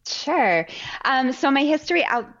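A woman's voice: sits high, very animated, measured pace, fairly bright tone. A woman in her forties, a podcast guest telling her story in a friendly, candid way. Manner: friendly, laughs easily, candid. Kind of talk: interview storytelling. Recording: dull lo-fi audio.

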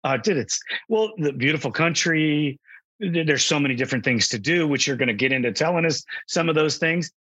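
A man hosting an interview podcast, asking questions in a friendly, relaxed way with fillers. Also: on the high side, a little fast, breathy edge, no echo. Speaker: podcast host. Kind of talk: casual interview.

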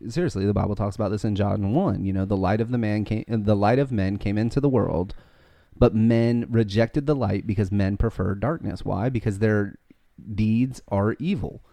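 Fast-talking man on a faith podcast. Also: lowish voice, creaky, warm tone, no echo. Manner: fast-talking, restarts sentences, preachy. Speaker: podcast co-host. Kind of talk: casual faith podcast chat. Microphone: podcast mic.

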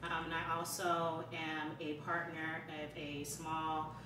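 A woman on a casual panel, lively and playful, recorded in a room. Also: deep voice, slow, echoey room, recorded from a distance, noisy background. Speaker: panel guest.

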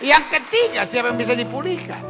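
Brief: male pastor, humorous sermon, high gravelly voice, shouted punchlines, big hall reverb. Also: sing-song, brisk. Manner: punchy, shouting emphasis, comic asides. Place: large church hall. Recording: dull sound, hall reverb, band music.

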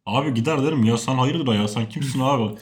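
Man co-host, fast casual talker, mid pitch. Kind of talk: casual chat.

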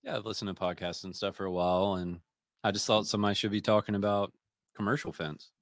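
A man's voice: fairly low pitch, steady tone, fast, dry recording. A man co-hosting a casual podcast, laid-back and dry-humored as he talks about his work. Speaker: podcast co-host.

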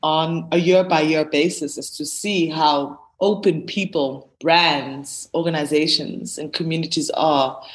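A woman's voice: low voice, steady tone, unhurried, few pauses, rough recording. A woman who founded a creative agency, talking earnestly and animatedly in a casual interview, with lots of fillers.

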